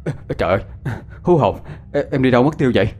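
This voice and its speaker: A man's voice: mid-range voice, animated, rapid-fire, a little mellow, lightly acted. A man voicing a stammering young man, in a storybook ghost tale. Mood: startled. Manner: stammering, pleading when scared.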